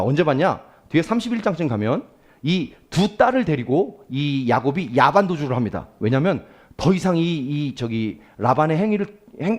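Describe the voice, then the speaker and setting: A male pastor giving a Sunday sermon, asking the congregation questions and acting out quoted prayers. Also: fairly high pitch. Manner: animated preaching, asks the congregation questions; acts out quoted prayers and speech.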